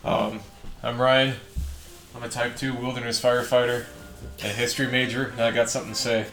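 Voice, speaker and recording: A young man chats in a relaxed, drawling way. His voice sits at a middle pitch. It carries the echo of a room, with faint music behind. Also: fairly quick. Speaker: podcast guest. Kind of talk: casual chat.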